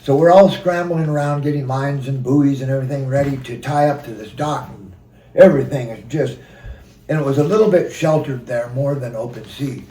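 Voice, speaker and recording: A man recounting a personal story in a halting way, with fillers and quoted dialogue. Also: mid-range voice, mellow. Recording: roomy sound from a distant mic.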